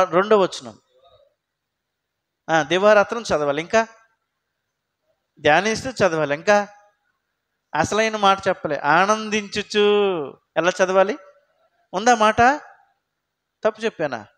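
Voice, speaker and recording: A man's voice: high voice, a bit bright. A man preaching a sermon as pastor, talking in a conversational way and putting frequent questions to the congregation.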